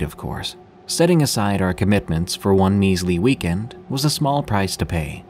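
A man's voice: on the low side, darkish tone, a little hiss or hum. A man hosting and narrating scripted horror stories with a dramatic storyteller's delivery. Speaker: horror podcast host and narrator.

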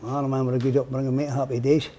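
A plain-spoken Scottish man in his fifties tells his story in a relaxed interview, his voice dark and mellow. He is blunt and drops "mate" into nearly every sentence. A faint hiss of noise sits under the lapel mic. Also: medium pitch, very fast. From Scotland. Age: 50s. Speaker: guest. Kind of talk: casual interview. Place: indoor studio with mural wall.

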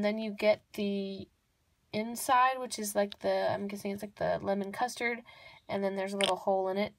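A woman's voice: mid-range voice, vocal fry, no echo. A young woman narrating a casual show-and-tell of miniature toys off camera, gushing and repeating words for emphasis. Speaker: toy unboxing vlogger. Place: indoors at a table. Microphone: off-camera voice over hands-on tabletop close-up.

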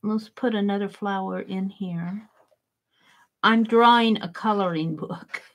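Drawing in an art journal at a craft table in her home, a woman muses out loud about her next sketch in casual self-talk. She speaks loudly with a medium pitch and steady tone, a little slowly.

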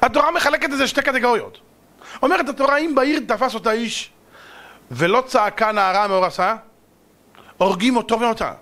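A man, a rabbi, giving a dramatic sermon to an audience, acting out parables and sometimes shouting. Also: very high-pitched, pauses often. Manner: dramatic, acts out parables in many voices.

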